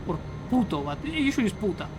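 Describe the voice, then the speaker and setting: This fast-talking Spanish woman swings widely in pitch around a medium range, joking crudely and rambling as she streams a game. Her Spanish accent comes through a pop-filtered studio mic, and there is background noise.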